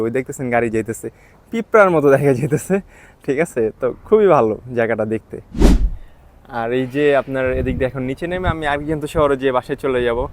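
Fast-talking man vlogging outdoors on the go. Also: on the high side. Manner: speaks softly and slowly because he is tired; keeps checking with "ঠিক আছে?". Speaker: travel vlogger. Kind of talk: walking travel vlog. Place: outdoors on hilltop town streets.

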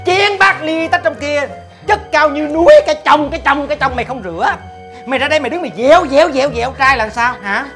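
A bossy, nagging tea-house boss lady, firing off threats and complaints. Her voice sits high, and music plays clearly behind her in the film. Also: fast. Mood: scolding. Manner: scolding, shouting threats. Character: bossy middle-aged woman tea-house owner, scolding.

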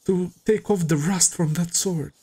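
Excitable man reacting, slow-spoken. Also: high-pitched, a little hiss or hum. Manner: excitable, shouts out and laughs often, swears freely. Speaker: anime reaction host. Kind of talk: casual reaction commentary.

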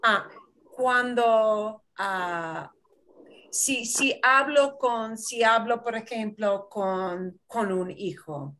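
A woman's voice: a little high, extremely slow, fairly bright tone, a little hiss or hum. A woman from Michigan teaching Spanish in an online class, patiently explaining and switching into English to clarify. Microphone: video call.

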